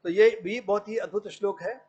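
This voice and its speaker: A man's voice: high-pitched, fairly even intonation, a little fast, darkish tone, slightly rough. A middle-aged male professor giving an academic lecture, explaining patiently and quoting Sanskrit verses. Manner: explains patiently, quotes Sanskrit verses, mixes in English words. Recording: dull lo-fi lecture recording.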